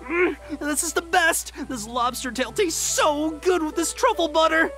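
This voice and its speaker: An actor playing a brash, gluttonous young swordsman in a video game, talking loud and blunt. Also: very high-pitched, measured pace, music in the background. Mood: delighted. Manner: loud, blunt, talks while eating.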